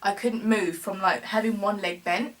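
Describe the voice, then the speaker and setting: A young woman tells a story straight to camera in a loose, rambling way. She fills her sentences with "like" and laughs her way through the telling, at a middling pitch. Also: steady tone, normal speed. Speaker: vlogger. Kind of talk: casual storytelling.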